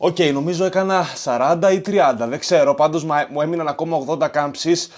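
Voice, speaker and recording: A young man from Greece doing casual reaction commentary on funny clips at home, excitable and slangy, jumping between loud outbursts and hushed talk. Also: a little high, faint music behind. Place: home, kitchen and living room.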